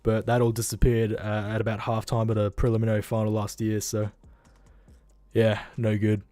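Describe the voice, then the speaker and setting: A man's voice: on the low side, monotone, moderate pace, dark tone, no echo. A young Australian man hosting a casual livestream, tired and rambling, talking bluntly and swearing freely from home. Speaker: livestream host.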